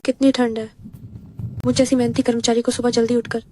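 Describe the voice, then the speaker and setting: A woman's voice: on the high side, level tone, fairly quick, darkish tone, a little hiss or hum, close to an everyday voice. An actress dubbing a feisty young female secretary who is defiant and easily flustered. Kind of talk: dubbed drama dialogue.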